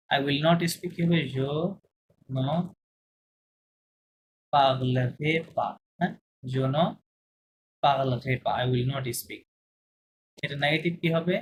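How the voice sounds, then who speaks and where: Male tutor on a video call, even mid pitch, patient teaching manner, noisy line. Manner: asks many checking questions, repeats examples slowly. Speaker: language teacher. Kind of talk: online class explanation. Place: online video class. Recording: video call with clear background noise.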